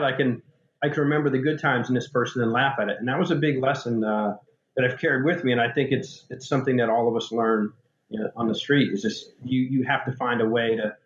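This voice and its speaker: A man, a paramedic and author, telling candid stories with dark humor in a podcast interview, often restarting his sentences. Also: mid-range voice, reverberant, dull audio.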